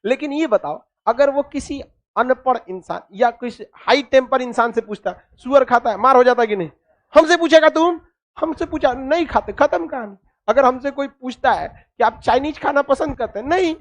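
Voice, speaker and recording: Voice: high-pitched, moderate pace. Chatty teacher. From Uttar Pradesh or Bihar. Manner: chatty, fires rhetorical questions at the class, joking asides. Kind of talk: classroom history lecture.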